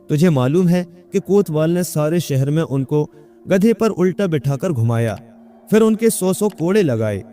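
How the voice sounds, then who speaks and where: Figure: man doing a worried elderly mother, coaxing and soft, storybook reading. Pitch raised, mellow tone. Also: lively intonation, soft background music, lightly acted. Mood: pleading. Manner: pleading, coaxing. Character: old mother, worried and pleading.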